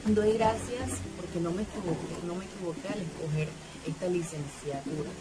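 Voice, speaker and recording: A thirty-something Panamanian woman, a student, talks in a low voice and steady recited tone, pausing now and then on fillers. She is close to her phone at home, and loud music plays under her voice throughout. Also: low-quality recording. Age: 30s. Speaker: university student. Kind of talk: class video presentation.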